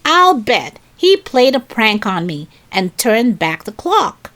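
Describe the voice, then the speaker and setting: A woman's voice: on the high side, big pitch swings, slow pace, fairly bright tone, full character voice. A woman voicing a fussy, proud male rabbit in a children's story, with a huffy, emphatic manner. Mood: angry.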